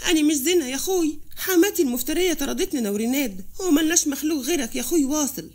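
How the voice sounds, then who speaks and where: A distressed Upper Egyptian widow in her thirties, pleading and desperate, as a woman storyteller puts her on. High, rapid delivery for an audio story. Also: expressive, darkish tone.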